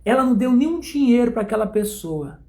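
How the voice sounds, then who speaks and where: In a sermon-style Bible study, a man tells stories dramatically, using slow and emphatic phrasing. His voice is very high-pitched and animated, with a slightly mellow quality.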